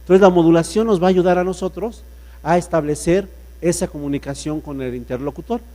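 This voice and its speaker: A man's voice: a little fast, mellow. A man giving a playful public speaking workshop, joking and swinging his voice around to demonstrate. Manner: playful, jokey, swings pitch and volume to demonstrate. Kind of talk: lively workshop lecture with voice demonstrations. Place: workshop room with an audience.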